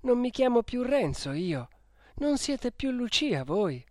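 A man's voice: a little high, animated, a little slow, no echo, studio quality. A man reading an audiobook who voices a passionate, desperate young man pressing his beloved with questions. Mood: passionate reproach. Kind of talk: audiobook character voice.

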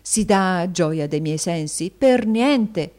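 A woman reading a storybook voices a florid, flattering middle-aged husband who gushes theatrical endearments. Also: mid-range voice, moderate pace, lightly acted. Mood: boastful.

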